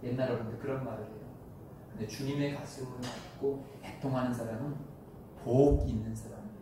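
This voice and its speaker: A male pastor preaching a sermon with passion, dropping to a hush and then rising to loud cries. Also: medium pitch, slight background noise. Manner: impassioned preaching, swings from hushed to loud cries. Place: church sanctuary. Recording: very echoey hall, from a distance.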